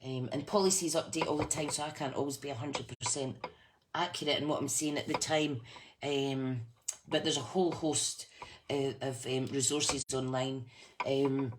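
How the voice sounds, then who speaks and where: A woman's voice: a bass voice, fairly even intonation, moderate pace. A woman from the west of Scotland with a Fife accent, chatting casually and informally to viewers as a craft demonstrator and team leader. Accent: Fife, Scottish. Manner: chatty, informal, addresses listeners as guys. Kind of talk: casual live chat to viewers. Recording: clearly noisy room recording.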